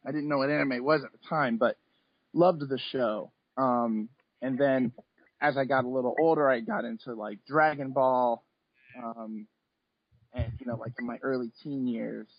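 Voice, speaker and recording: A comic and anime artist in his thirties joins an interview remotely from home, speaking casually in a hesitant, rambling way. His voice is mid-range with no echo, and the call audio is slightly dull and lo-fi.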